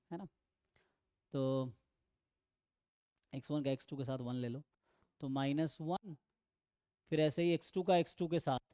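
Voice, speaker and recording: A man's voice: high voice, dark tone, clear, resonant tone, no room sound, clean studio sound. A man teaching statistics in an online exam-prep lecture, mixing Hindi with Indian-accented English and often checking in with "है ना". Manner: mixes Hindi and English, reads questions out slowly, repeats phrases with "है ना".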